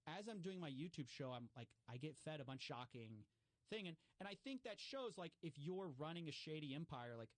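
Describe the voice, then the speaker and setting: Animated man in a dry studio. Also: fairly quick, dry recording. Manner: animated, acts out quoted remarks with raised pitch; many fillers and restarts. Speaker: guest commentator on fraud stories. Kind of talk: casual interview talk.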